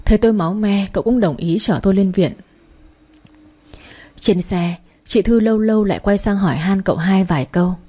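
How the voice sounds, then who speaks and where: Audiobook narrator, woman; mellow and husky. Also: medium pitch, fairly quick. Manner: steady first-person storytelling.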